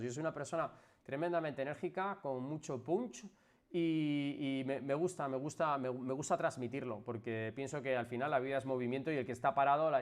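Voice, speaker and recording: A man from Spain with a Spanish accent, talking to his viewers on a live stream about exercise and recovery. He is energetic and emphatic, throwing out loud bursts and then dropping into soft asides. His delivery is casual and chatty, in a middle register. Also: medium pitch. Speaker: physiotherapist hosting a live stream.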